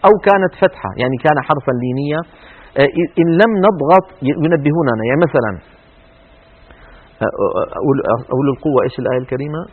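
A man gives a televised lesson on Quran recitation, explaining the rules rapidly in a fairly high voice. He breaks off to recite example words slowly and drawn out. The audio is thin and tinny, like a phone line.

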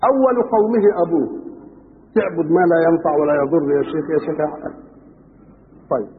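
A man's voice: on the high side, expressive, quick pace. A man with an Egyptian Arabic accent preaching a sermon that explains scripture. He keeps asking his listeners rhetorical fill-in questions. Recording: old radio broadcast, tinny band, hall reverb, faint hiss.

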